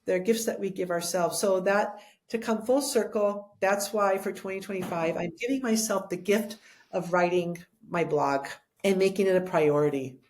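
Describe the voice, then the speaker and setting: A woman's voice: medium pitch, normal speed, a little mellow. A middle-aged woman, a guest on an interview show, telling her story in a rambling, heartfelt way, full of restarts. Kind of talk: conversational storytelling.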